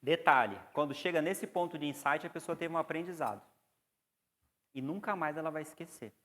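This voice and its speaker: A man's voice: on the high side, moderate pace, a bit bright. A man with a Brazilian Portuguese accent giving a classroom lecture on psychoanalysis, explaining and putting questions to the class. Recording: long hall reverb.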